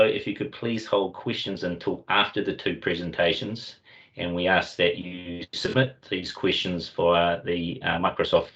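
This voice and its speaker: Low-voiced man with a Kiwi accent. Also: a bit bright. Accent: New Zealand. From New Zealand. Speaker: webinar host and company commercial lead. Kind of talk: semi-scripted corporate presentation introduction. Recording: dull, lo-fi online meeting audio.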